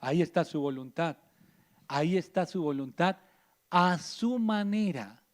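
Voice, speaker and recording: A man putting on a hushed, scheming queen. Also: on the high side, animated, unhurried. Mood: coaxing scheming. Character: scheming bossy queen, woman, coaxing her sulking husband.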